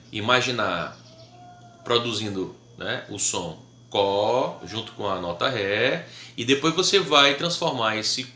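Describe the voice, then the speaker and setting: A Brazilian man gives a relaxed harmonica lesson with a bright, forceful tone. He moves at an easy pace and keeps checking in with short tags. The room around him has a noticeable echo. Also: lowish voice. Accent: Brazilian Portuguese. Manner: patient, checks in with "tá?" and "né?" often. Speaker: harmonica teacher. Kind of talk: casual video lesson.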